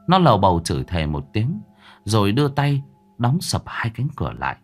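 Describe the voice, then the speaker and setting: A man narrating a horror story in a dramatic, suspenseful manner, slowing down for tense moments. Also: fairly low pitch, very animated. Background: soft background music.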